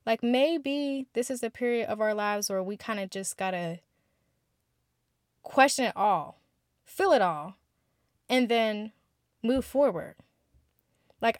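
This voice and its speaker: A twenty-one-year-old woman hosts a podcast, talking to her listeners in a casual, chatty monologue that feels candid and heartfelt. Her voice sits at a medium pitch, and the recording is clean studio sound with no echo.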